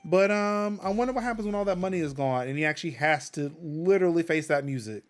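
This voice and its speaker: Male tech podcast host, higher voice, profane off-the-cuff rant. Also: expressive, fast talker, soft background music. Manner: ranting, profane, with fillers. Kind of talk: casual commentary.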